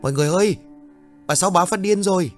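A male narrator playing a panicked young village lad. He shouts in a high, urgent voice. It fits a spoken village ghost story. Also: quick pace, faint music behind, close to an everyday voice. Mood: frantic. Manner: shouting, frantic.

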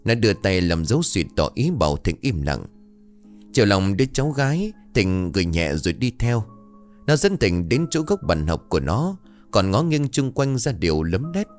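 Expressive low-voiced male storyteller. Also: moderate pace. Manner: expressive, dramatic reading. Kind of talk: scripted ghost story narration. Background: faint music.

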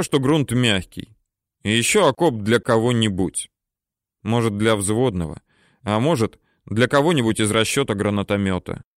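A man narrating a war story audiobook in a steady, measured, terse manner. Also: on the low side, no room sound, clean studio sound.

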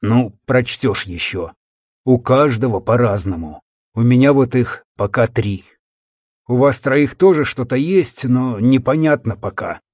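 A man voicing a tired, grave older healer who speaks slowly and calmly. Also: no echo, clean studio sound. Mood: weary. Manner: slow, low, tired murmur. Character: weary older male healer, calm and grave.

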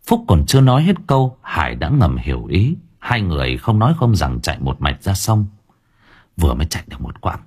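A man narrating an audiobook in a dramatic, expressive manner. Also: deep voice, husky. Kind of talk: scripted narration.

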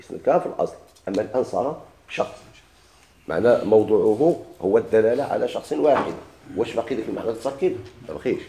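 A man's voice: lowish voice, expressive, rapid-fire, vocal fry, mellow, a little hiss or hum. A man with a Moroccan Arabic accent teaching a classical grammar lesson. He quotes verses, then explains them step by step and puts questions to his students.

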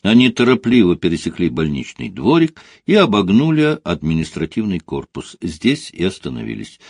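A man reading a story aloud as narrator, in an expressive storytelling manner. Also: sits low, moderate pace, no echo, clean studio sound. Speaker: audiobook reader. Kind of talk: scripted narration.

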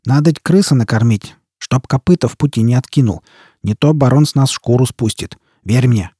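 A man's voice: mid-range voice, lively intonation, moderate pace, warm tone, breathy edge, no room sound, studio quality. A man voicing a boisterous, coarse male bandit leader who mocks and bullies. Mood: swaggering.

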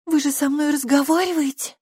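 A woman voicing a brave, curious young girl who speaks in a high, insistent, stubborn way. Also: fairly even intonation, a little fast, a little mellow, dry recording, studio quality, close to an everyday voice.

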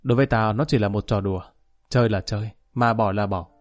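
A man voicing a proud, stubborn male gang boss who talks quickly and dismissively. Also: lowish voice, soft background music, pitched below the performer's own voice, close to an everyday voice. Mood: defiant.

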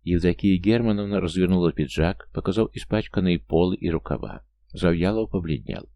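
A man reading an audiobook as narrator in a steady, measured storytelling voice. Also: low-pitched, gravelly, no room sound. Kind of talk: scripted narration.

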